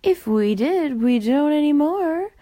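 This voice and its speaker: A woman's voice: high-pitched, animated, unhurried, dark tone, no room sound, studio quality, voice pushed up. A woman voicing a group of timid, polite ghosts in a storybook reading, stammering and drawn out. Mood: grateful. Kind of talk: storybook character voice.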